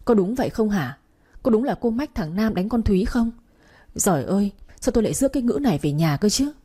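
A woman's voice: mid-range voice, expressive, fast, husky. A woman voicing a harsh, scolding older mother-in-law in a storybook reading. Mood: shouting. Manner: sharp, scolding, dismissive.

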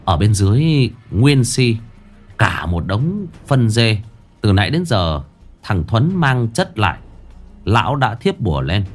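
A man narrating a ghost story in a dramatic, lively way. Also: lowish voice, unhurried, soft background music.

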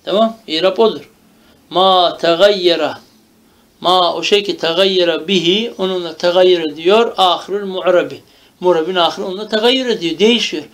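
A man's voice: high voice, moderate pace, a bit bright. A man teaching a classical grammar text, reading each Arabic phrase and then explaining it in Turkish, often checking with "tamam?". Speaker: religious teacher.

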